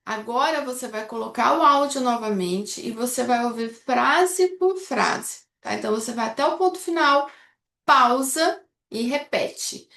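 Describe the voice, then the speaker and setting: A woman from Brazil with a high voice teaches an online lesson, walking through steps one at a time and pausing often to check that the viewer follows. Her voice bounces a little off the walls of an echoey room. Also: expressive, vocal fry, fairly bright tone. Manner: explains step by step with frequent checks like "tá?" and "certo?". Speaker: English teacher. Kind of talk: instructional video lesson.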